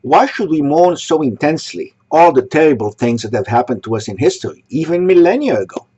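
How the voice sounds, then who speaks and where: A man from Egypt delivering a sermon, posing rhetorical questions in a measured way. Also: on the high side, expressive, dark tone, slightly rough. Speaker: synagogue speaker. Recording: dull lo-fi recording.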